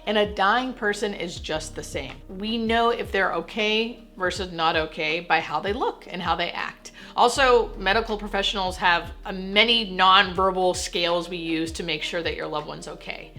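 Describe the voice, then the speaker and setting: Bright-voiced woman explaining reassuringly. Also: fairly low pitch, normal speed, hardly any pauses, soft background music. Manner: plain-spoken, reassuring explainer. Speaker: hospice nurse and educational video host. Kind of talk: explanatory talk to camera.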